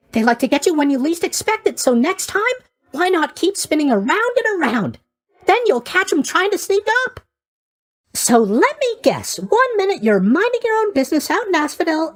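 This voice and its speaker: A man voices a sleepy, flippant young god of sleep in a video game, using a very high, fairly bright, exaggerated voice. His delivery is chirpy, scatterbrained, and cheerfully tactless, full of mock sympathy, stammers, and questions that trail off.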